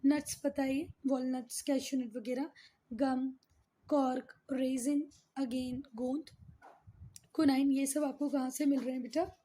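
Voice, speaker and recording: In a geography class, a woman teacher with a high, dark voice talks at a measured pace in a steady tone. She blends English terms into her Hindi, repeats key words, and fondly quizzes her pupils.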